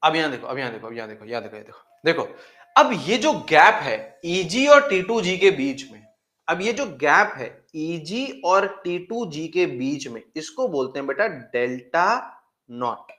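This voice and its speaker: A man's voice: on the high side, big pitch swings, normal speed, fairly bright tone. A man teaching chemistry in a classroom lecture, who repeats key phrases and asks his students questions that he then answers himself. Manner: calls students "beta" affectionately. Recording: echoey room.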